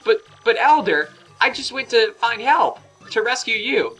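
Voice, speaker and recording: A man voicing a meek, flustered young male creature in a high, protesting voice. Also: very animated, a little slow, bright, forceful tone, soft background music, full character voice, rough recording.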